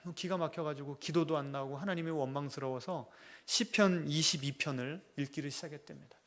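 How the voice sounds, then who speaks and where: A male pastor preaching a sermon, telling a story with strong emotion, swinging between hushed lines and loud impassioned ones. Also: on the high side, fairly quick.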